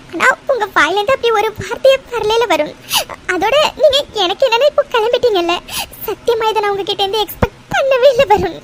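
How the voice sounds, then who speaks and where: A woman's voice: very high-pitched, background noise. A woman voicing a heartbroken young woman in a cartoon drama, tearful and pleading, stumbling over her words. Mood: hurt. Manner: pleading, halting with repeated words. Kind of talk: dubbed cartoon family drama.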